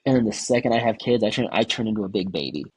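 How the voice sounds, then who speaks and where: Young male podcast co-host, husky and fairly low, loose rambling chat. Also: racing, no echo, low-quality recording. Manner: relaxed and rambling, with many restarts and "like"s. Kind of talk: casual chat.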